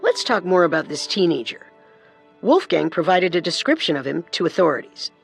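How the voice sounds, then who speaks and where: Co-hosting a scripted true-crime story, a man with a fairly high voice lays out the details like a storyteller over soft background music. His delivery is sing-song and brisk, with a creaky texture.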